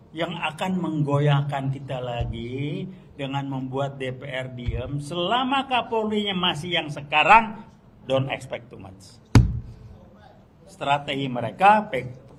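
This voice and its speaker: A man's voice: a little high, a little hiss or hum, rough recording. An older man speaking heatedly and bluntly at a press conference, slipping into slang and acting out quoted exchanges. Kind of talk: impassioned press conference speech.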